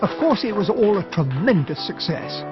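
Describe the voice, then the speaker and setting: An actor playing a genial, well-spoken English army captain, narrating and acting in a radio drama. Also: male voice, high-pitched, big pitch swings, moderate pace, highs cut off, over music. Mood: reminiscing.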